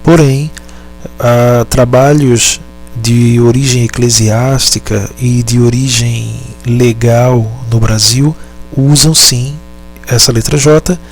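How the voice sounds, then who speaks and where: Slow, deliberate male teacher. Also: medium pitch. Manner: deliberate, halting, repeats and self-corrects. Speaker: Latin teacher. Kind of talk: slow explanatory lesson.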